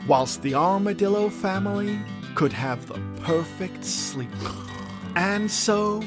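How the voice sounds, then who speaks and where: Slow, animated woman storyteller over music. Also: lowish voice. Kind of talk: children's scripted story narration.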